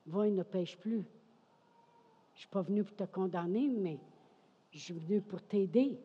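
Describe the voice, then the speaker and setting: A woman's voice: medium pitch, measured pace, mellow, husky. A woman pastor with a Québécois French accent preaching an emphatic sermon, often asking "OK?" and saying "Amen". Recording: dull sound with long hall reverb.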